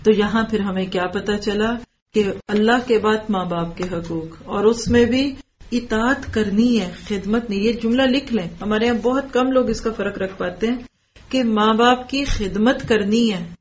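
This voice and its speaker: A woman giving a Quran commentary lesson, reciting verses slowly and then explaining them plainly, with direct questions to her listeners. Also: mid-range voice, muffled recording, slight background noise. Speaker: Quran teacher.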